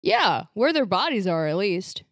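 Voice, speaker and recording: A woman's voice: mid-range voice, very animated, a little slow, dry recording, studio quality. A woman playing a tabletop game, bantering playfully with the others. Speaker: player. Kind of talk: casual tabletop play.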